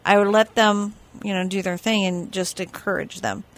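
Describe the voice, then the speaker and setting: A woman co-hosting a casual radio show, telling stories in a chatty, animated way and often breaking into giggles. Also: medium pitch, normal speed.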